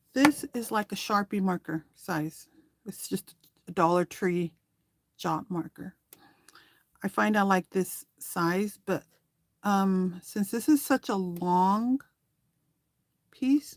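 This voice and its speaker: She hosts a craft tutorial and runs a small online shop, talking casually and meandering as she thinks aloud over her handiwork. Her voice is medium-pitched and slow, with frequent pauses, and there's no echo.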